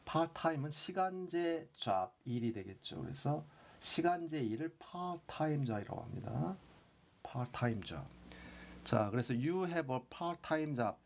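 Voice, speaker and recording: Slow, gravelly grammar teacher. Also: male voice, fairly high pitch, animated. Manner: slow, repeats example sentences with long drawn-out pauses. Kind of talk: classroom grammar lesson.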